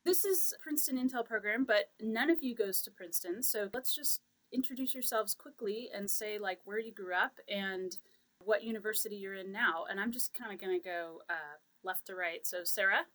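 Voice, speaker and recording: A woman's voice: medium pitch, moderate pace, fairly bright tone. Upbeat woman hosting a podcast. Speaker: podcast host. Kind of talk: casual interview.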